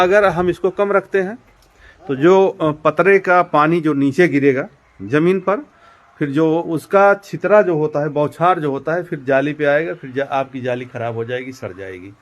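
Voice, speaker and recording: Guy showing off his chicken farm, slightly high voice, lots of ums, calls you brother. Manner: explains step by step with many fillers and repetitions; addresses viewers directly as friends and brother. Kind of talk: casual walk-through demonstration. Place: outdoors at a poultry farm.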